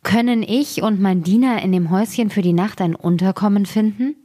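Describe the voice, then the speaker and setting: A woman's voice: mid-range voice, fairly quick, warm tone, close to an everyday voice. A woman reading a storybook, voicing a young prince who politely asks for a place to stay. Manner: polite, courteous.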